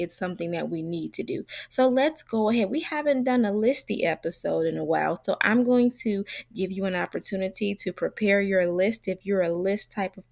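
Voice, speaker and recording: Female solo podcast host. Earnest, encouraging, mid-pitched, talks straight to the listener, dry studio-like sound. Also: creaky, no room sound.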